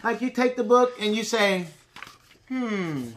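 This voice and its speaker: A woman's voice: fairly high pitch, unhurried. A woman teaching pre-kindergarten, reading aloud to young children and asking simple questions, with emphatic enunciation of key words. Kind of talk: read-aloud lesson for small children.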